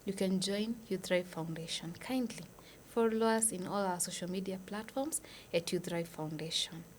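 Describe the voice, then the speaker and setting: Kenyan woman guest, soft earnest delivery. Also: on the low side, slight background noise. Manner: earnest, measured, often dropping to a breathy near-whisper. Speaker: guest, nurse and foundation founder. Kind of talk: podcast interview.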